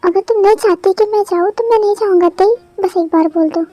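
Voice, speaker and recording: A young woman voicing a gentle, caring young man in a spoken fan story, pleading softly. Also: extremely high pitch, fairly even intonation, fast, dry recording, faint music behind, rough recording. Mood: tender.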